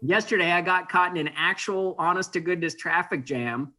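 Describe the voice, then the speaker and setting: Male panelist, easygoing anecdote teller, crisp bright higher voice. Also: moderate pace. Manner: laid-back, swears casually. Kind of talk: casual storytelling banter.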